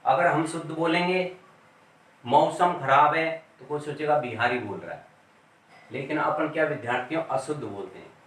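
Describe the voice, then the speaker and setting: A male teacher gives a classroom grammar lesson, speaking slowly and deliberately and repeating words as he writes on the board. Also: fairly high pitch, lively intonation, a bit bright, reverberant, far from the mic, low-quality recording.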